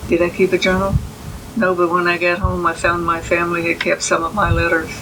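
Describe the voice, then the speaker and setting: An elderly American woman, a veteran remembering her service in a halting way during an oral history interview. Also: fairly low pitch, completely flat delivery, background noise. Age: 80s or older. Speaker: army veteran being interviewed.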